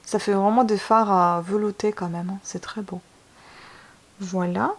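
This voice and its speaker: A woman's voice: medium pitch, fairly even intonation, unhurried, noisy background. A woman beauty vlogger in a casual unboxing video. She talks enthusiastically and gushes often, with many hesitations. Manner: gushing, enthusiastic, lots of hesitations.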